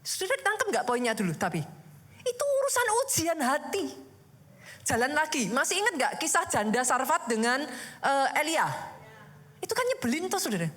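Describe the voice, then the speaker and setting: A woman pastor, preaching a sermon in a lively, conversational way full of rhetorical questions. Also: high-pitched, normal speed. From Indonesia.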